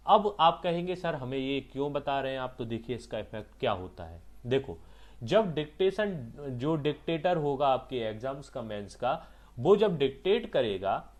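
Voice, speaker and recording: A man teaching exam dictation and typing skills, who explains step by step and asks and answers his own questions. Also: medium pitch. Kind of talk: online exam-prep lesson.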